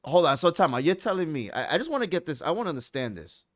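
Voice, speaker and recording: A man co-hosting a podcast over an online call, ranting in an animated, profane, heated debate. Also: fairly high pitch, fast, no echo, clean studio sound. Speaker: podcast co-host. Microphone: online call with lagging connection.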